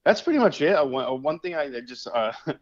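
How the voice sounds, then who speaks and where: A man's voice: medium pitch, animated, fast talker. A man co-hosting a podcast in casual chat, laid-back, laughing often and saying "dude" and "man" a lot. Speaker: podcast co-host. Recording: dull lo-fi sound.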